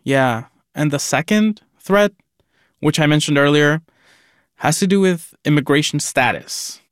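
A man's voice: fairly high pitch, measured pace, clear, resonant tone, dry recording, clean studio sound. A man reporting on a news podcast, explaining his findings steadily.

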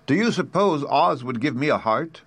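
A man voicing a polite, grateful rusted tin man, with a slow, stiff, pleading delivery. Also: medium pitch, lively intonation, breathy edge, no echo, voice pushed up.

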